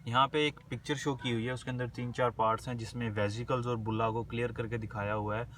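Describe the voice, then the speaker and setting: A man giving a medical lecture. He reads English definitions slowly, then explains them casually in Hindi. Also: medium pitch, level tone, fairly bright tone, recorded from a distance, a little hiss or hum.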